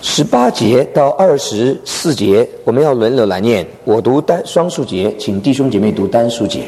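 A man's voice: medium pitch, big pitch swings, normal speed, warm tone. A middle-aged or older man, a pastor giving a humorous sermon, joking and self-deprecating. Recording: echoey hall with background noise.

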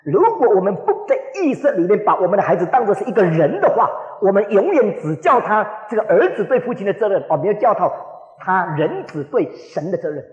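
A man in his forties preaching a sermon, telling stories with lively acted-out quotes, recorded in an echoing hall. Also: sits high, fairly quick, muffled recording. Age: 40s. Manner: animated storytelling, acts out quoted voices. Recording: echoey hall with long reverb.

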